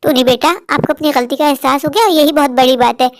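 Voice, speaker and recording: A woman voicing a patient cartoon mother who explains things softly and calmly. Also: high voice, a little fast, dry recording, clean studio sound, voice pushed down. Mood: gentle. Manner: soft calm explaining.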